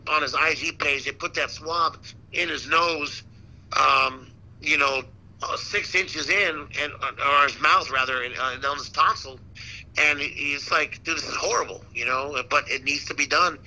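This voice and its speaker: A man's voice: a little high, fairly even intonation, moderate pace, pushed and bright, poor audio. A man who works as a boxing ring announcer, talking casually and emphatically as an interview guest, with slangy asides.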